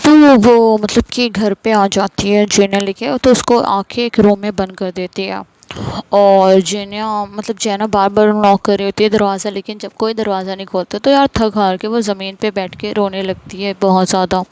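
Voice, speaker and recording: A woman's voice: mid-range voice, little pitch movement, normal speed, a little mellow, clear, resonant tone, rough recording. A woman casually retelling a romance story, chatty, with many fillers and self-corrections.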